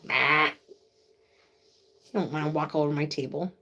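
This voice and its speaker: A woman's voice: sits low, fairly even intonation, moderate pace, bright, forceful tone, slight background noise. An older woman hosting a casual live stream, laughing often and chatting with her dog and viewers. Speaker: livestream host.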